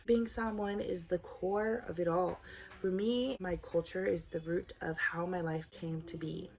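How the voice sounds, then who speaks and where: A woman in her twenties from Southern California speaks to her viewers in a lower voice. She sounds earnest and upbeat as she reads through her scripted introduction. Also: steady tone, unhurried, creaky. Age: 20s. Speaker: vlogger.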